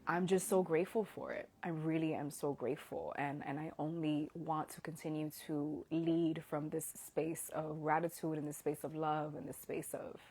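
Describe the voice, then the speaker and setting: This Instagram Live host, a woman in her thirties, has a deep, darkish voice with fairly even intonation, talking at normal speed with few pauses. Her heartfelt, casual stream turns emotional, and at times she whispers while holding back tears.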